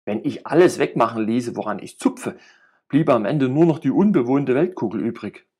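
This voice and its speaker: A man's voice: medium pitch, animated, normal speed, warm tone, breathy edge. A man reading aloud and voicing a jovial, talkative middle-aged friend who rambles and teases with cynical humor. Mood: playful teasing. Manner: rambling, playful banter.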